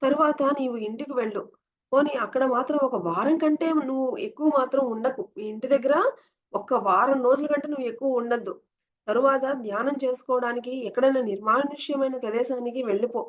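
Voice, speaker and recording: A woman voicing an elderly male guru who is stern yet loving, giving gentle, earnest instructions to his disciple. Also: sits high, brisk, highs cut off, close to an everyday voice. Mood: instructing.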